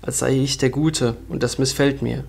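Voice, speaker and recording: A man's voice: mid-range voice, fairly even intonation, moderate pace, vocal fry, darkish tone, husky. Male narrator as a grumbling resentful evil god, storybook parable, mid voice. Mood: sullen.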